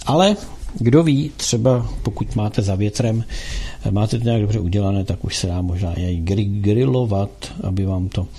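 A man hosting a casual call-in radio show, talking in a rambling, halting way with frequent filler sounds. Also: lowish voice, warm tone, husky.

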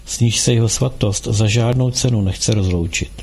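A man voicing a wounded, dying cardinal of about forty who speaks quietly and hoarsely, wheezing between words. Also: on the low side. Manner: quiet, weary.

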